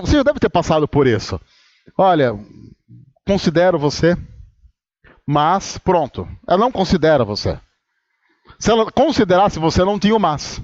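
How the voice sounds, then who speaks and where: A man's voice: high voice, dry recording, dull audio. A man from Brazil, a pastor giving a humorous, conversational sermon and acting out his own inner dialogue.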